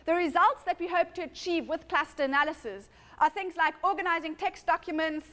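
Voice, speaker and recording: A woman's voice: extremely high pitch, steady tone, brisk, fairly bright tone. A woman lecturing at a conference, explaining steadily and often correcting herself mid-sentence. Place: lecture room with audience.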